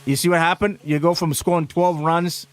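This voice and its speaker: A man's voice: fairly high pitch, steady tone, normal speed. A young man chatting casually while livestreaming a baseball video game, reacting to viewer comments and swearing now and then.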